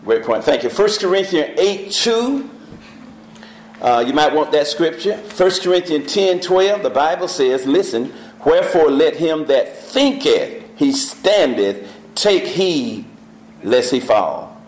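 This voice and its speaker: A man teaching a Bible study class, reading scripture slowly and questioning the class. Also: a little high, animated. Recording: echoey church room.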